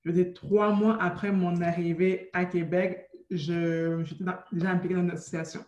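A woman in her thirties from Cameroon, raised in France, speaking as an entrepreneur guest in a video call interview, quick and full of restarts. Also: fairly low pitch, little pitch movement, a little mellow, highs cut off. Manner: quick, with many restarts and fillers. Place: room with a brick arch at home. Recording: roomy video call audio.

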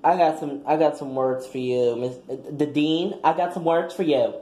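A man's voice: fairly high pitch, moderate pace, warm tone, natural voice. A man voicing a brash, foul-mouthed young woman graduate giving a crude, combative speech in a comic skit. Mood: sassy. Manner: crude, combative, trash-talking. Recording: echoey room.

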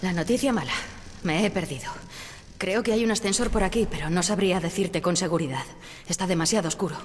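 A woman's voice: on the low side, fast, lightly acted. An actress playing a weary, sardonic but resolute woman in peril in a video game. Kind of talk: dramatic video game acting. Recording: hall reverb, faint background noise.

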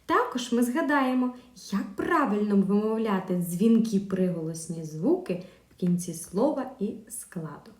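A woman teaching a video lesson to young pupils, speaking clearly with pauses for answers and a sing-song teacher manner. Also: mid-range voice, expressive. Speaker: primary school teacher. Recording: echoey room.

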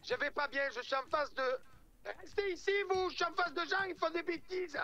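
A man's voice: very high voice, highs cut off. A man voicing a rude, irritable older man with a mocked accent who snaps over the phone. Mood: grumpy. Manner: irritable, shouting, quick to take offence. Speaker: roleplay game player on a phone call.

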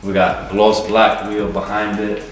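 This thirties-aged vlog host walks viewers through a wheel factory's large indoor floor, sounding laid-back and pumped as he uses street slang over background music. His pitch is fairly low, his tone level, and his pace measured.

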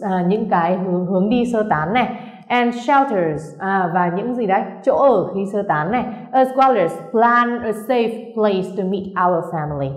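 A woman English teacher explaining to students, patiently checking understanding and slowing down for English words. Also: medium pitch, a little mellow, echoey room. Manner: patient, keeps checking understanding with tag questions; switches between slow spelled-out English and quick explanation.

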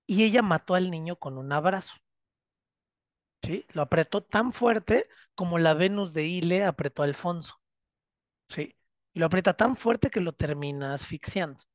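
A literature teacher lectures a course class, retelling the story with animated drama and tossing "right?" checks to the students. The recording sounds dull and lo-fi. It is bone-dry, with no room sound. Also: medium pitch, dry recording. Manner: keeps checking understanding with tag questions.

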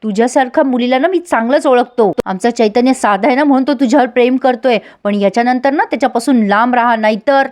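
A woman's voice: on the high side, fast talker, few pauses, darkish tone, natural voice. A woman voicing an angry young man who heatedly accuses and scolds his friend. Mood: heated accusing.

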